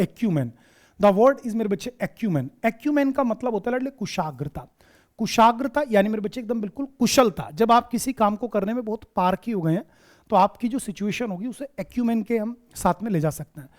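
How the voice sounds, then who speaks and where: A man hosting a vocabulary lesson for exam students, fondly calling them "my child" and "dear", mixing English words into his explanations and repeating quiz questions back. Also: high voice. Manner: mixes English words into Hindi teaching. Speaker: vocabulary teacher and show host.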